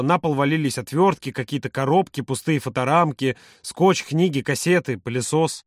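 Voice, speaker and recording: A man narrating an audiobook in an even, measured reading. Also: on the high side, no echo, studio quality. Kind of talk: scripted narration.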